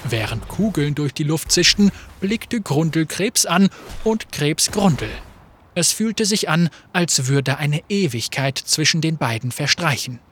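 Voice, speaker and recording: Male storyteller, expressive reading, crisp bright tone, faint hiss behind. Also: on the high side, unhurried. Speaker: audiobook narrator. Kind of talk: scripted story narration.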